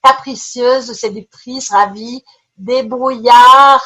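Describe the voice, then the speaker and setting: A woman running an online teaching webinar from her computer, reading out chat answers in quick playful lists. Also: a little high, fairly even intonation, pushed and bright, low-quality recording. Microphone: computer mic on a video call.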